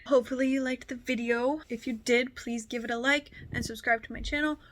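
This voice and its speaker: A young woman vlogging to camera in a relaxed, tired, mellow way. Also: on the high side, brisk. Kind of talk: casual vlog talk to camera.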